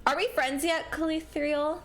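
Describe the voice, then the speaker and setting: A woman's voice: high-pitched, unhurried, slight background noise. A woman livestreaming a game, chatting casually in a cute, bubbly, giggly and apologetic way. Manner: bubbly, cute, excitable streamer greetings and exclamations. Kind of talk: casual livestream chat while gaming. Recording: music behind the voice. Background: music.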